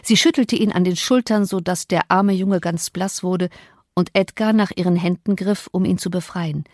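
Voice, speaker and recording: A woman narrating an audiobook in a measured, expressive way, recorded close to the mic. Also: fairly low pitch, no echo. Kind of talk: scripted narration.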